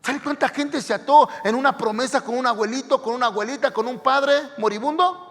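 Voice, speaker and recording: A man delivers an emphatic sermon, calling out to his congregation again and again. His voice sits very high and carries a gravelly rasp. The sound rolls around a reverberant church hall. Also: brisk. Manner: emphatic, repeats "hermano", rising to shouts. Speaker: pastor. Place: church sanctuary.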